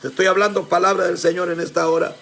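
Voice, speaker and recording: A man preaching a sermon with fervor, often shouting and calling on his congregation as brothers. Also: sits high, flat delivery, fast talker, creaky.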